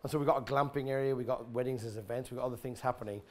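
A middle-aged man giving an informal talk and taking audience questions in a large exhibition tent, blunt and animated, swearing freely and restarting his sentences often. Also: mid-range voice, rapid-fire. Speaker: guest speaker at an expo.

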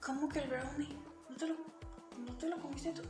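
A woman's voice: high-pitched, fairly even intonation, brisk, far from the mic. A young woman with a Mexican accent talking frantically at home, swearing and half laughing, half crying. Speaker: mother in a prank video. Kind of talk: casual home video talk. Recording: echoey room with loud music.

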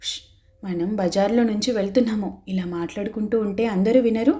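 A woman voicing an older grandmother who quietly hushes and scolds a child. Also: medium pitch, brisk, close to an everyday voice. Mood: scolding. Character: older grandmother, strict but loving.

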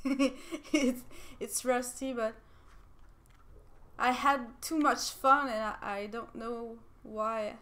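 A young French woman with a French accent, chatting excitedly while playing a game, laughing often and breaking into squeals and shouts. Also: on the high side, extremely slow. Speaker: game streamer. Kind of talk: casual gameplay commentary.

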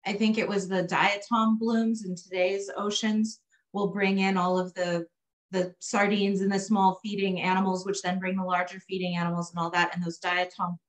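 A woman with a middling-pitched voice fields questions on a video call. She is candid and a little hesitant, talking informally as the curator of an exhibit. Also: little pitch movement, normal speed, low-quality recording. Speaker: exhibit curator giving a talk.

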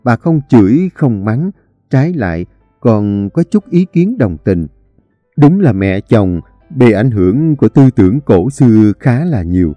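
A man's voice: fairly low pitch, unhurried, no echo, lo-fi sound, soft background music. A man narrating a dramatic novel expressively. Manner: expressive, animated storytelling. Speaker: story reader.

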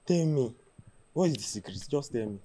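A man's voice: medium pitch, lively intonation, a little fast, mellow, lightly acted. A man playing a desperate young Nigerian man who begs and pushes insistently in a gospel comedy drama, speaking with a Nigerian Pidgin accent. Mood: pushy. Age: young adult. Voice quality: pleading, whiny, insistent.

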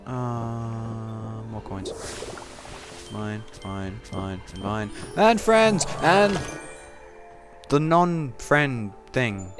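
A man's voice: mid-range voice, expressive, drawn-out words, pauses often. Goofy man yelping at a game. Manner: goofy, talks to the game, sudden loud yelps. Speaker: gaming commentator. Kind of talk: casual gameplay commentary. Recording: game music behind the voice.

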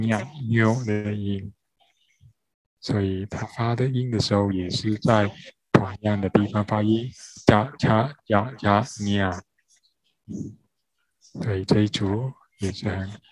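A man interpreting a grammar lesson, spelling out syllables one by one with frequent pauses. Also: on the low side, a little mellow, no echo, poor audio. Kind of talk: slow spoken lesson.

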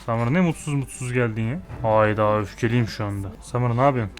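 A young man giving casual, excitable gameplay commentary, chatting to and scolding the game characters with playful swearing. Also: medium pitch, fast talker. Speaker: gamer.

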